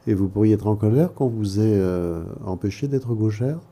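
A man speaking as an analyst, asking probing questions and offering interpretations in a measured, therapeutic conversation. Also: on the low side, mellow. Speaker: psychoanalyst interviewing a caller.

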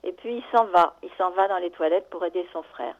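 Older woman calling in over a tinny phone. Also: on the low side. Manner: halting, searching for words, shaken. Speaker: radio caller. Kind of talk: recounting a dream on call-in radio. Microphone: telephone.

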